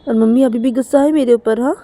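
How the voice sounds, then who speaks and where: A woman's voice: on the high side, fairly even intonation, fast, warm tone, no room sound, pitched above the performer's own voice. A woman voicing a frightened young woman who frets and repeats herself while dreading her angry mother. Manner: panicky, fretful, repeating herself. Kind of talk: storytelling in voices.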